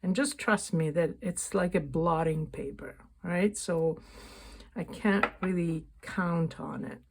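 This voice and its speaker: A woman giving a casual, unscripted painting tutorial, thinking aloud in a halting way and often rephrasing mid-sentence. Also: fairly low pitch, a little mellow. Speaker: painting instructor and vlogger.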